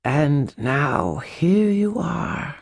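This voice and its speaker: A man's voice: a little high, big pitch swings, extremely slow, creaky, breathy edge, dry recording, studio quality, pitched above the performer's own voice, full character voice. A man voicing a hissing, imperious faerie queen. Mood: cold. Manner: hissing, purring, regal and possessive. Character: cold imperious faerie queen, ageless, menacing. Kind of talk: audiobook narration.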